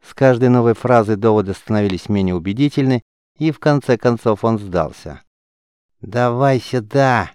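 A man narrating a fantasy audiobook in an even storytelling manner. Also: lowish voice, brisk, smooth, dry recording, studio quality. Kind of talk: scripted narration.

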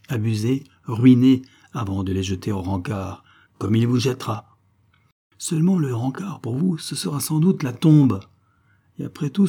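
Guy putting on a raging jilted young woman, higher and loud, dark husky tone. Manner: passionate, spitting scorn. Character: furious young woman, scorned former mistress.

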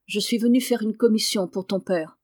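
A woman's voice: medium pitch, normal speed, a little mellow, dry recording, studio quality, lightly acted. A woman reading the lines of a polite boy delivering a letter in a storybook, in a plain voice.

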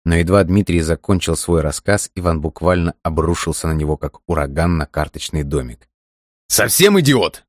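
A man reading a novel aloud in a steady, measured narration. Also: a bass voice, no room sound, studio quality. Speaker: audiobook narrator. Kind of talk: scripted narration.

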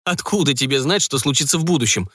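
A male narrator voicing a shy, earnest young man in an audiobook, speaking a touch higher than his own voice. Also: expressive, fast, sharp tone, husky, no room sound, clean studio sound. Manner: hesitant and earnest. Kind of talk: audiobook reading.

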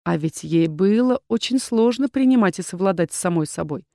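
A woman narrating a fantasy novel as an audiobook reader, in an even, measured way. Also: mid-range voice, vocal fry, no room sound, clean studio sound.

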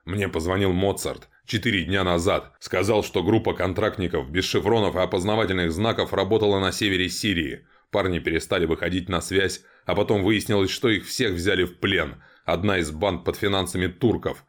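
A man voicing a furious male mercenary commander who swears and roars in a bassy growl, in an audiobook. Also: fairly even intonation, brisk, few pauses. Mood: gruff.

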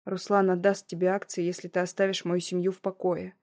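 A woman voicing a frightened young heroine, speaking in a strained, quiet way. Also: fairly low pitch, little pitch movement, a little fast, no room sound, studio quality, natural voice. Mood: tense.

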